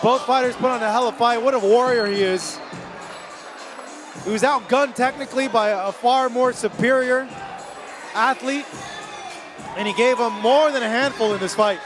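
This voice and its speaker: A man with a very high, excited voice gives live boxing play-by-play. He projects loudly, often shouting, with crowd and music clearly behind him. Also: normal speed, pauses often. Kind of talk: live fight commentary. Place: live boxing event in Tijuana.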